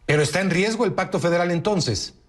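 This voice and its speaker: A man's voice: high voice, fast. A man hosting a television news interview, asking polite, formal questions. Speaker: news anchor.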